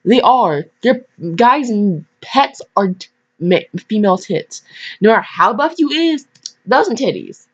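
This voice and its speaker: A woman with a fairly high voice and big pitch swings reads fan fiction at a measured pace, stumbling and interrupting herself with chatty jokes. The sound comes through a dull, lo-fi mic.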